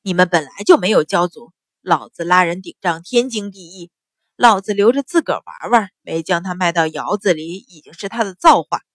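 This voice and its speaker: A brash, crude male steward who throws his weight around, his voice pushed low and loud, as a woman reading the story puts him on. He blusters and barks every line, dry and close to the mic. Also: animated, moderate pace, no room sound. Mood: blustering. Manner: blustering, shouting.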